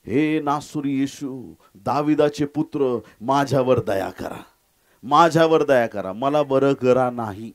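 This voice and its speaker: A man voicing a blind male beggar who cries out defiantly for mercy, in a low pleading voice. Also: slow pace.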